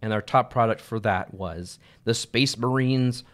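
A man's voice: medium pitch, unhurried. A man co-hosting a casual chat about bestselling games, dry and easygoing. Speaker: co-host.

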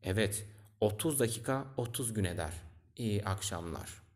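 A man's voice: fairly low pitch, animated, moderate pace, darkish tone, natural voice. A man reading aloud, voicing a tired, resigned male lamplighter from a storybook who only wants to sleep. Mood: weary. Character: weary, sleepy male lamplighter bound to duty.

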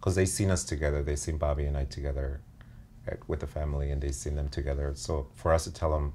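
A man in his forties with a strikingly deep voice speaks calmly and earnestly in a casual interview. He was born in Mexico and raised in the Midwest, and a faint hiss sits under the recording. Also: quick pace. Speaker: interviewee, co-parent. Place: living room, sitting in an armchair.

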